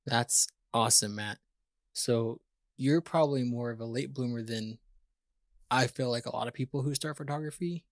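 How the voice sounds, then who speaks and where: A man's voice: mid-range voice, moderate pace, no echo, clean studio sound. A man hosting a podcast, asking questions in an upbeat, enthusiastic way. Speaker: podcast host. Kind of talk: casual interview hosting.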